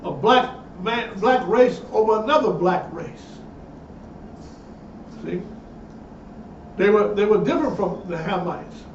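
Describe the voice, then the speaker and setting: High-voiced preacher in an echoey room. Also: male voice, slow pace, long pauses, a little hiss or hum. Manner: reads passages aloud, breaks in with emphatic asides. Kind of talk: sermon with read-aloud passages. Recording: echoey, distant, dull lo-fi sound.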